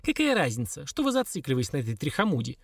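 A man's voice: on the high side, wildly swooping pitch, fast talker, slightly rough, no room sound, studio quality, exaggerated voice. A man voicing a sly young woman who answers offhandedly and mockingly. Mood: scoffing.

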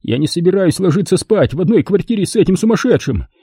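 A man doing a shrill hysterical casino boss. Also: animated, fast, dark tone, husky, no echo, studio quality, full character voice. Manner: shrill, frantic insisting. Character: hysterical middle-aged male casino boss. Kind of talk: audiobook character voice.

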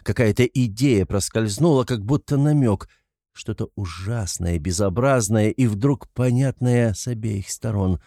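A man giving a measured, steady audiobook narration of a classic novel. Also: fairly low pitch, dry recording, studio quality.

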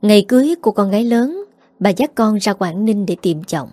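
A woman narrating a dramatic life story in a steady, emotive reading style. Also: mid-range voice, a little fast, no room sound, studio quality.

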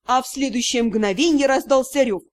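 A woman with a high, light voice reads a fantasy novel aloud. She narrates in a lively, engaged way and slips into character voices for the dialogue. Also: normal speed, dry recording. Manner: lively, voicing each character in turn. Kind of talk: scripted audiobook narration.

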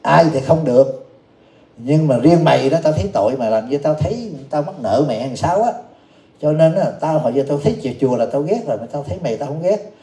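A man's voice: fairly high pitch, animated, fairly quick, dark tone, echoey room. Monk voicing a blunt, bossy old lady. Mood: scolding. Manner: blunt scolding speech. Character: bossy wealthy old lady patron who scolds.

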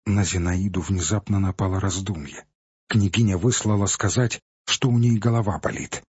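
A male audiobook narrator with a low, husky, breathy voice tells the story in a measured, steady way. The sound is close and dry, with a dull, muffled top. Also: no room sound. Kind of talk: scripted narration.

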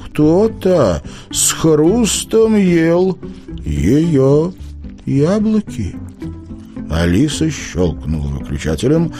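A man reads a children's fairy tale aloud with a mellow, warm voice. His pitch swings widely and animatedly as he tells the story. The reading is lively but unhurried. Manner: expressive, animated. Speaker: narrator.

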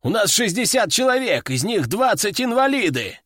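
A man voicing a gruff, bossy male army veteran who barks orders and curses at his soldiers, in an audiobook. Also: high voice, big pitch swings, measured pace, fairly bright tone, no room sound, clean studio sound, pitched above the performer's own voice, full character voice. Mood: barking.

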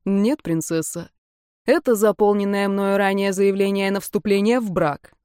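A woman's voice: mid-range voice, normal speed, mellow, smooth, no echo, studio quality, close to an everyday voice. A woman reading an audiobook, voicing a cocky, teasing male starship captain who talks in a brash, affectionate way.

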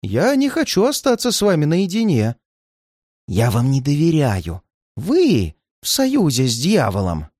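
Old man, terrified and paranoid, high and shaky, always near tears; a male reader puts him on. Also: wildly swooping pitch, a little slow, darkish tone, no echo, clean studio sound, full character voice. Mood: frantic, fearful. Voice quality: shrill, shaky, pleading. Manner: frantic outbursts, near tears. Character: frightened paranoid old man, shrill and tearful.

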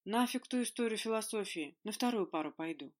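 Reader voicing a young woman, sleepy, mumbling, flustered, higher voice, audiobook figure. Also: animated, a little fast, darkish tone, close to an everyday voice.

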